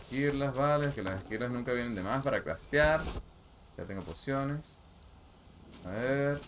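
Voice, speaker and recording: A man giving casual, excitable let's-play commentary, full of loud exclamations and joking slang. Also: mid-range voice, measured pace, noisy background. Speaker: gaming channel host. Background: loud game music.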